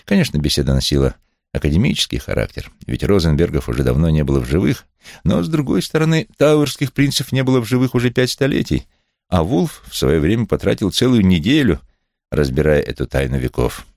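A man's voice: sits low, big pitch swings, fairly quick, creaky, a little mellow, dry recording, clean studio sound. A man reading an audiobook, telling a first-person story in a wry tone. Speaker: audiobook reader. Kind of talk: scripted audiobook narration.

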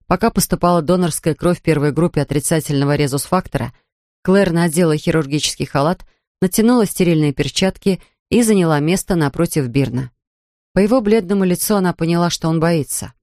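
A tense, measured audiobook narrator. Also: medium pitch, darkish tone, no room sound, studio quality.

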